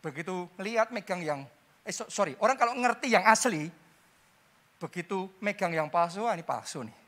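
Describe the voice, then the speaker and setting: A pastor preaching a sermon in an animated way. The delivery swings between quiet asides and loud, emphatic lines, repeats phrases for emphasis and drops in short English phrases. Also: mid-range voice, normal speed.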